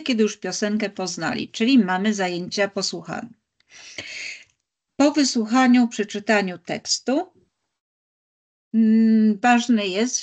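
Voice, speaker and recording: A woman leading a teaching-methods webinar, talking unscripted and measured, with frequent pauses and thoughtful hums. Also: mid-range voice. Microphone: video call.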